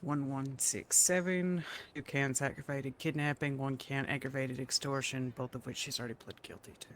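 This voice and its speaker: A man's voice: mid-range voice, fairly even intonation, normal speed, fairly bright tone, a little hiss or hum. A man playing a prosecutor in a role-play courtroom, formally reading out long lists of charges.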